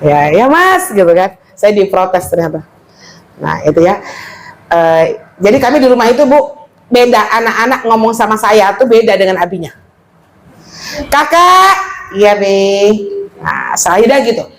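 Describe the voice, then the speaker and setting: A woman teacher with a big, powerful voice gives a religious study talk to a group of women. She is loud and playful and slips into the voices of the people she quotes. A faint hiss sits behind her. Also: mid-range voice, normal speed, rough recording. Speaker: female Islamic teacher.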